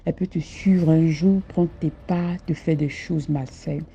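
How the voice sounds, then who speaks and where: Low gravelly woman telling her story. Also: fairly even intonation, unhurried, warm tone, a little hiss or hum. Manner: emphatic, repeats for effect. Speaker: caller sharing a personal story. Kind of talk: first-person storytelling. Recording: dull lo-fi voice recording.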